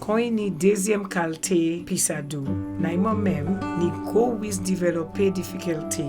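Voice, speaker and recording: Lower-pitched Saint Lucian woman narrating. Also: a little slow. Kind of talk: scripted documentary narration. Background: faint music.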